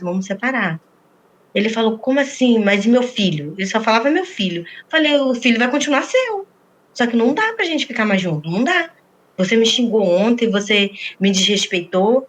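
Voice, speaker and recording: A woman giving an interview, recounting a painful personal story and acting out the quoted dialogue. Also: on the high side. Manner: rapid, acts out quoted dialogue. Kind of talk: emotional personal account.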